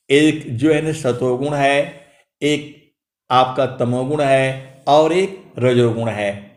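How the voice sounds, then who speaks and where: Preacher, male, late 50s: unhurried, chuckling storyteller who sings out couplets; reverberant room. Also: a little high. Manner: drawn-out sung recitation of couplets between anecdotes; chuckles while telling stories. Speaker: spiritual preacher. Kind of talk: storytelling sermon with chanted verses. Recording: echoey room.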